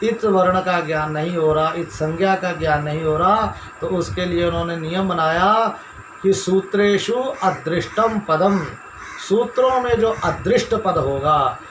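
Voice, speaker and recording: Slow, high-voiced man lecturing in an echoey room. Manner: measured, explanatory, recites verses then paraphrases. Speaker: Sanskrit grammar teacher. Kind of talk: classroom lecture explaining sutras. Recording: echoey room with noisy background.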